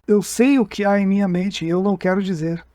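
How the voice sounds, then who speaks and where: A dazed hypnotized man reliving a strange night on a dark road, halting and stumbling over his own words, as a man reads him aloud. The voice sits fairly high and dry, with no room around it. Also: fairly even intonation, no echo, close to an everyday voice. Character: frightened man reliving an abduction under hypnosis.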